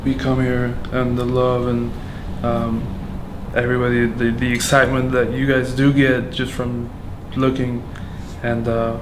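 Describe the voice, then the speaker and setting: In a room with echo and distinct background noise, a medium-pitched man from Afghanistan recounts his experience as a patient. He talks candidly but in a near-monotone, stopping often, using fillers, and starting sentences over.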